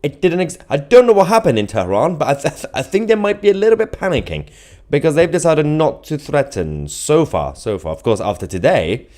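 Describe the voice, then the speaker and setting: A man with a slightly high, sing-song voice and a darkish tone speaks fairly quickly. He hosts a live online political news show, delivering sardonic, mocking, emphatic commentary to his audience.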